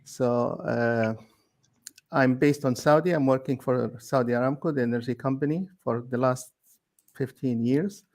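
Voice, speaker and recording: A man from Libya, a guest on an online panel, talking casually and haltingly with many fillers from a video call. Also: medium pitch, darkish tone. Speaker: guest expert.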